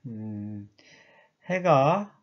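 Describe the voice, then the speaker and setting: A man's voice: medium pitch, big pitch swings, drawn-out words, highs cut off. A man giving a chatty lecture that explains dialect words, often asking his listeners questions.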